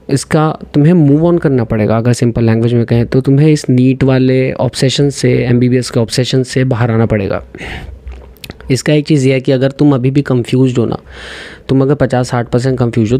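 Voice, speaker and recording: Earnest young man with a mellow voice. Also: mid-range voice, dry recording. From India. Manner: direct, earnest, mixes in English phrases. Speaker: dental student giving advice. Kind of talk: casual advice vlog.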